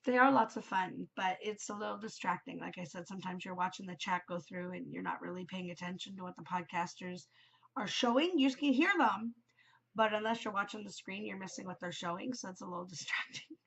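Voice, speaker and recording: This woman's medium-pitched voice is gravelly, husky and fairly bright, moving a little fast, and the audio is poor. She hosts a knitting podcast, chatting casually solo with many ums and rambling, her voice congested and shot from a cold.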